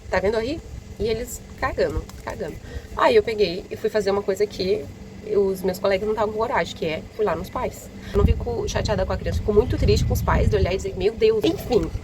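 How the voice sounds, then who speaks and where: Brazilian girl ranting fast in her vlog, traffic rumbling loud behind her. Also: poor audio. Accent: Brazilian Portuguese. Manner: indignant, animated retelling with quoted dialogue. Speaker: vlogger. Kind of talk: casual storytelling vlog. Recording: loud vehicle noise behind.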